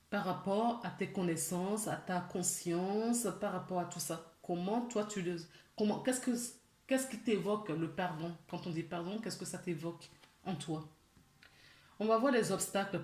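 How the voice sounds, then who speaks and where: A woman giving a spiritual guidance reading, speaking straight to the listener with many gentle questions and "d'accord?" check-ins. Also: medium pitch, echoey room. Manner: slow, questioning, addresses listener directly. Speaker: spiritual channeler.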